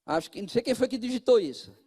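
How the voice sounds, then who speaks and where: A Brazilian Portuguese-accented man preaching a sermon as pastor, talking straight to his congregation and swinging between loud calls and hushed asides. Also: very high-pitched, animated, rapid-fire, breathy edge.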